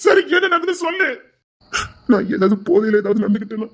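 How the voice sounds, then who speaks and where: A woman acting out a frantic, pleading husband in a homemade drama, with a husky, high voice and a Tirunelveli Tamil accent. He keeps repeating himself. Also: big pitch swings, fairly quick. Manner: pleading, repeats words over and over.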